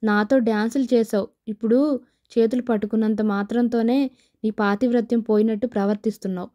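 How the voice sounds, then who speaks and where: A woman's voice: fairly high pitch, fairly even intonation, fairly quick, warm tone, close to an everyday voice. A woman voicing a spurned young man who talks in a pleading, sarcastic way. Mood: bitter.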